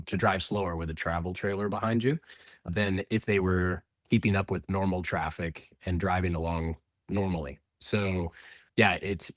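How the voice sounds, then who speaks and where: With a low voice captured at studio quality and no echo, an Indianapolis man represents his family's company in an interview. He explains the business but often starts his sentences over.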